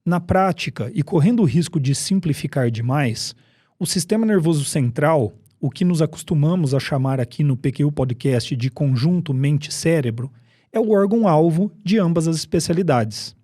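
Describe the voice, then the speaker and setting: Mellow-voiced Brazilian host, measured. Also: male voice, a little high, animated, dry recording, studio quality. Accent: Brazilian Portuguese. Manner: measured, explanatory. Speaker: psychiatry podcast host. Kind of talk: scripted podcast discussion.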